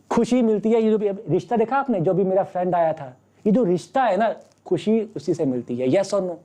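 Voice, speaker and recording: Male maths teacher with a warm, mellow voice, fatherly and fond of rhetorical questions, giving an online class pep talk. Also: sits high. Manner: fatherly, addresses students as beta, asks rhetorical questions.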